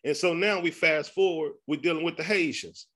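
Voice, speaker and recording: A man's voice: fairly high pitch, normal speed, a bit bright. A man hosting a podcast, talking loosely and laughing often, with 'man' tacked onto his sentences. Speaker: podcast host. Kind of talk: casual conversation.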